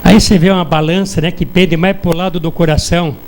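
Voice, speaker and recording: A Brazilian preacher with a high, lifted voice, delivering a sermon in church. He keeps turning to the congregation with rhetorical questions and pauses for them to answer. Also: steady tone, a little mellow, a little hiss or hum, poor audio. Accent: Brazilian Portuguese.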